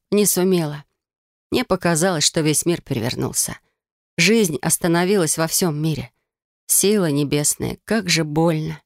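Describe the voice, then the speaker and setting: An audiobook narrator reads a first-person fantasy story with an emotive, dramatic delivery. The voice is mid-pitched. The recording is dry and close, with no room sound. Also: dry recording.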